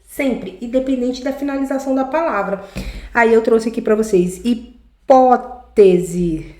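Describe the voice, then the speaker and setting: A Brazilian woman teaches a grammar lesson in a fairly high voice. She explains step by step with a Brazilian Portuguese accent, often checking that her students follow. The recording has an echoey, roomy sound. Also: moderate pace. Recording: echoey room.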